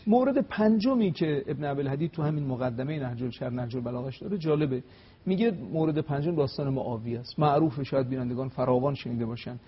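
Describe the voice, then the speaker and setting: A husky-voiced man speaks as a scholar guest, recounting religious history with emphatic peaks. He slows deliberately whenever he recites Arabic. The sound is slightly dull, like muffled broadcast audio. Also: medium pitch. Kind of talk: storytelling lecture on religious history.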